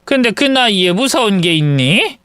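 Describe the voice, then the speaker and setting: A domineering older mother-in-law, put on by a man narrating a spoken story, pitched high and swinging wildly as she scolds and laments her lot. The voice is smooth and clean, recorded dry and close. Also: sing-song, moderate pace, bright, forceful tone, no room sound, full character voice. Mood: scolding. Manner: shrill, self-pitying wailing.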